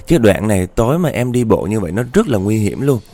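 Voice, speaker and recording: A man's voice: on the low side, big pitch swings, fast, warm tone. A man voicing a kind young woman student, coaxing and concerned as she asks questions.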